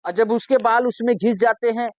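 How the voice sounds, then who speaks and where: A man, a stand-up comedian, telling jokes to a judge in a chatty storytelling way, slowing down for the punchlines. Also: very high-pitched, fairly even intonation, no room sound. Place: TV comedy stage with audience.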